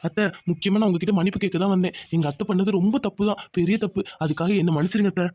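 A woman's voice: mid-range voice, steady tone, racing, dry recording, highs cut off, close to an everyday voice. A woman voicing an insistent young village husband in a cartoon. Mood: respectful. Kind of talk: cartoon voice acting.

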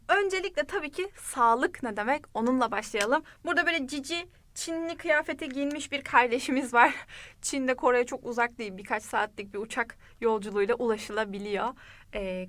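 Bright high-voiced woman teaching a lesson. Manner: repeats words slowly and clearly for learners; friendly, addresses the learner directly. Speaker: language teacher. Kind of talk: online language lesson.

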